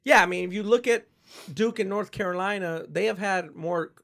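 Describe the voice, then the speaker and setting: A man's voice: high-pitched, vocal fry. Man with a bit of a cough, sports co-host. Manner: quick affirmations, animated opinions. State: slightly coughing. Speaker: podcast co-host. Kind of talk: casual sports podcast chat.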